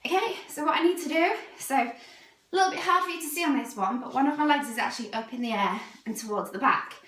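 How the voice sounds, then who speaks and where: A woman's voice: high voice, fast talker, fairly bright tone. A young woman, a fitness instructor, talking casually through a workout vlog, upbeat and chatty, at times out of breath.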